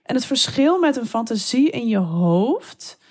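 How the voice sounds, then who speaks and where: A woman guest talking openly and eagerly in an interview, speeding up in quick bursts. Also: fairly high pitch, sing-song, a little mellow. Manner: open, enthusiastic, quick bursts with laughs. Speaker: guest telling erotic stories. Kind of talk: interview conversation.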